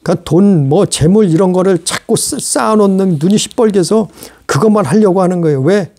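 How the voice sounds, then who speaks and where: Male preacher with a high voice, delivering an emphatic sermon that builds through repetition. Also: brisk, dark tone. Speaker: pastor.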